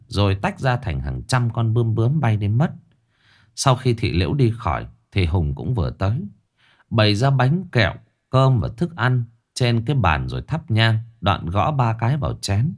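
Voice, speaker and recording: A man's voice: on the low side, big pitch swings, normal speed. A man narrating a ghost story in a dramatic reading.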